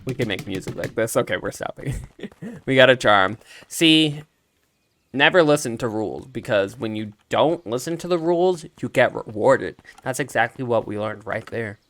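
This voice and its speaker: A let's play streamer gives casual, playful commentary while playing a video game, reacting and reading dialogue aloud in character voices. His medium-pitched voice moves at a moderate pace over soft background music.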